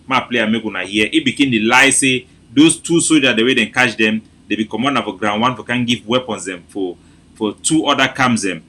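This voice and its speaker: A Cameroonian man hosting an informal political briefing in Pidgin English, repeating himself in an animated, mocking manner. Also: mid-range voice, fairly quick. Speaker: host.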